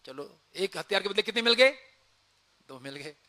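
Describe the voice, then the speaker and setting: Man, army officer, storytelling, high-pitched, bright and forceful, acts out dialogue. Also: normal speed. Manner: acts out dialogue in lively retelling. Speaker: army officer sharing experience. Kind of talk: storytelling talk.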